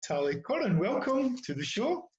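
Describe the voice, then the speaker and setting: A man with a Scottish accent hosting an interview over a video call, friendly and halting, with many restarts. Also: very high voice, sing-song. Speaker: show host. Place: small room at home, indoors. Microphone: webcam on video call. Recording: roomy, dull webcam audio.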